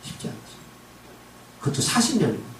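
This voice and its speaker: A man's voice: fast talker, a little hiss or hum. A man preaching a sermon as pastor, voicing God and Moses in short quoted lines and rising to emphatic exclamations. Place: church sanctuary. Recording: roomy echo, distant mic, faint ambience.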